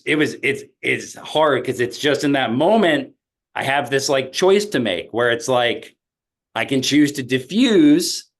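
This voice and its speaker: A comedian telling a casual podcast story, animated and acting out the lines of people in it. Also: male voice, mid-range voice. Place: podcast studio.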